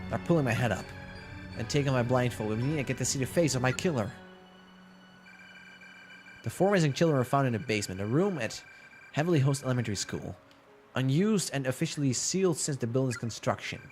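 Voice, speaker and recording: A man reads a horror game's text aloud on a live stream, throwing himself into the first-person narration. His pitch rises and falls in lively swings, and he drops in dry asides. Soft music plays faintly behind him. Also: a little fast. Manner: dramatic first-person reading with wry asides.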